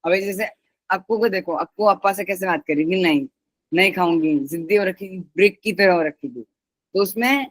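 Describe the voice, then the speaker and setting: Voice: medium pitch, no room sound, poor audio. A teacher giving a patient live online class who repeats each key word and its synonyms and mixes in English words.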